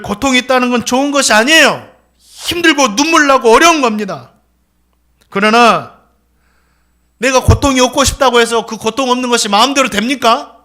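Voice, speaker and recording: 높고 밝은 목소리의 남성 목사 설교. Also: male voice, very high voice, bright, forceful tone. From South Korea. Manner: dramatic preaching, acts out quoted voices. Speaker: pastor. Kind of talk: sermon.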